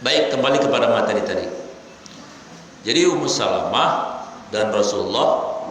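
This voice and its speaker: A man preaching to a women's study group, telling stories in a lively, joking way with a lilt. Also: fairly low pitch, moderate pace, a little hiss or hum. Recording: echoey hall with long reverb.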